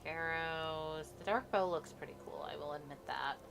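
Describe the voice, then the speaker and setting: A woman's voice: low voice, normal speed, vocal fry, noisy background. A woman giving casual commentary as she plays a game, with dry, wry asides. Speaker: gaming streamer. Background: game music.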